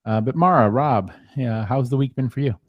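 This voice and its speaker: A man's voice: medium pitch, moderate pace, lo-fi sound, a little hiss or hum. A man hosting a casual livestream chat, rambling with lots of ums and uhs. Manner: rambling, filler-heavy. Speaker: founding member and host.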